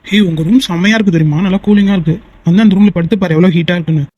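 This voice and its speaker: A voice actor dubbing a teasing, easily annoyed young man in a cartoon, talking in fast, bickering banter. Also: medium pitch, a little mellow, dry recording, dull audio, close to an everyday voice. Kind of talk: cartoon voice dub.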